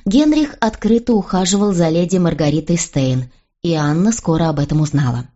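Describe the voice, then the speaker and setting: Female audiobook narrator, lowish voice, expressive reading, muffled recording. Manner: measured, expressive storytelling. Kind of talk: scripted narration. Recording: dull lo-fi recording.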